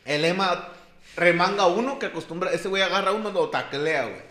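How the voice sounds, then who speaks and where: Young mexican guy, higher voice, spinning a slangy barroom tale in an echoey room. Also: animated, a little fast, fairly bright tone. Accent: Mexican Spanish. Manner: slangy, peppers every phrase with a filler, acts out voices in quotes. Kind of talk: casual storytelling chat.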